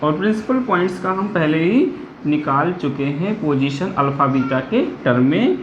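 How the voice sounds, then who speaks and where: Expressive and mid-range, a physics teacher's voice carries a blackboard-style lecture through a derivation, formulas dictated deliberately. Hindi alternates with English technical phrases, and the teacher often stops to check that it is clear. Slight background noise runs under the echoey, dull lo-fi recording.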